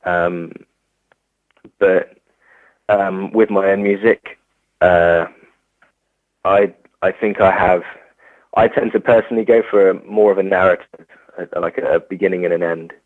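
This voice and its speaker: In a casual interview, a young English musician talks haltingly, often restarting and filling gaps. His low voice keeps a steady tone at an unhurried pace, broken by long pauses. There's no room sound, though the audio is tinny as if over a phone.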